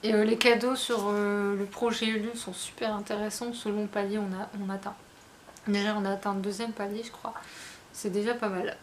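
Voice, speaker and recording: Woman, casual chat, rambling, restarts, mid pitch, faint background noise. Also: flat delivery, a little fast. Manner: chatty, rambling, with many fillers and restarts. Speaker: book vlogger.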